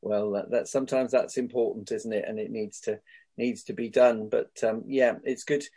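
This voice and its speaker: Man, interviewer, video call, gentle prompting, affirming, ordinary pitch. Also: fairly even intonation, moderate pace, slightly rough.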